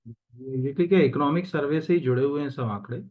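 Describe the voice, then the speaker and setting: A man's voice: medium pitch, brisk, phone-quality sound. A man teaching as an exam coaching teacher, walking through answers in a casual, conversational way with many fillers and self-corrections, mixing English terms into Hindi. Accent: Hindi with English terms mixed in. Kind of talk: explaining exam answers while screen-sharing.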